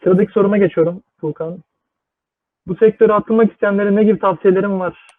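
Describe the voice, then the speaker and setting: A man interviewing a guest in a relaxed, casual way. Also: sits high, quick pace, no room sound. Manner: relaxed, calls the guest "abi". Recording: tinny phone-like dry line.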